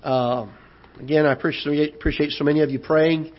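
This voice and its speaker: In a church auditorium, a pastor with a hoarse, recovering, fairly high-pitched voice and fairly even intonation preaches a sermon. He stumbles and repeats words, then lifts as he gets going. The audio is a dull, lo-fi church broadcast.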